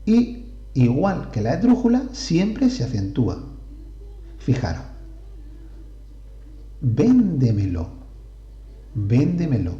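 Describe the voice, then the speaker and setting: A male teacher with a Spain Spanish accent explains grammar slowly and deliberately, counting syllables aloud. His voice is deep in tone yet lively in pitch. The recording is roomy and a little dull. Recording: roomy echo, slightly dull sound.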